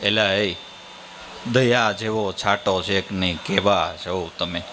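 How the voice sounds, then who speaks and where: A man's voice: low voice, flat delivery, slow, sharp tone, slight background noise, voice pushed down, full character voice. A man voicing a male passer-by who chides in a Kathiawadi accent. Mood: scolding. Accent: Kathiawadi Gujarati. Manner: gruff, chiding. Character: scolding male passer-by on the road.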